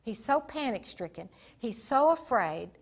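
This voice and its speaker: A woman teaching the Bible in sermon style, retelling its stories emphatically and dramatically, sometimes dropping to a hushed voice. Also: a little high, sing-song, a little slow, breathy edge. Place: Africa.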